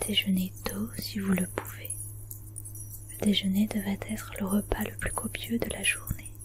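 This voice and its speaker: A woman speaks in a soft ASMR whisper, breathy and hushed throughout. Her delivery is measured and instructional, laid out in short phrases with little melodic movement. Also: medium pitch, flat delivery. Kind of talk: whispered ASMR guided wellness advice.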